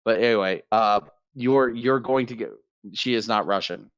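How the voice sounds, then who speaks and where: A man's voice: fairly low pitch, normal speed, clear, resonant tone, dry recording, highs cut off. A man hosting a casual online podcast, rambling and stammering over his words, talking over a voice call. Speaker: podcast host. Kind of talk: casual livestream chat.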